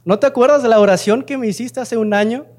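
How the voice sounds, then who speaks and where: A man doing the calm, fatherly Lord. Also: extremely high pitch, quick pace. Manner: calm, instructing.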